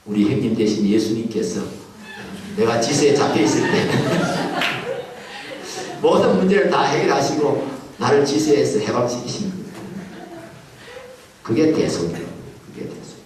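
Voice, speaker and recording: A pastor telling a childhood story in a sermon, acting out the people in it. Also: male voice, medium pitch, normal speed, a crowd in the background. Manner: animated storytelling, acts out voices. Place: large church hall. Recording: echoey hall from far off.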